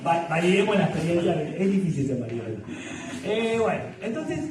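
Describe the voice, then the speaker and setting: A man with a Rioplatense Spanish accent, a family psychologist leading a church workshop, talking in a lively way, joking and checking in with "¿sí?". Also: high voice, fairly quick, background noise. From Argentina. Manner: animated, jokes and laughs, asks "¿sí?" often. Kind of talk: lively workshop talk with Bible story. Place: church hall. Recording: echoey church hall, mic far off.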